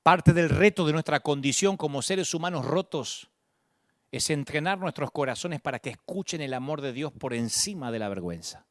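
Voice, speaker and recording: Preacher, male, fairly high and animated voice, dramatic delivery, dry sound. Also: normal speed, no echo. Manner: dramatic, shifts from booming calls to hushed murmurs. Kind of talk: sermon.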